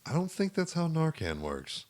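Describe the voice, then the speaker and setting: A man's voice: on the high side, huge pitch swings, normal speed, a little mellow. A man running a tabletop game as game master, playful and teasing his players.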